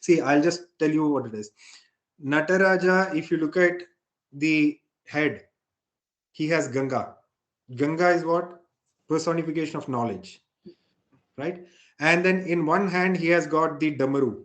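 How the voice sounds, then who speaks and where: A man's voice: fairly high pitch, measured pace, pauses often, fairly bright tone. A man. He teaches spiritual texts in an informal, explanatory way, often adding a questioning tag to check understanding. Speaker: spiritual teacher leading a satsang.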